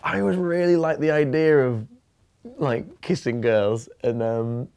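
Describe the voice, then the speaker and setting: With a clean, gravelly, somewhat dark mid-range voice and a steady tone, a young man from northern England recalls growing up during an interview. He wanders and hesitates, filling pauses often and sometimes rushing through bursts of words.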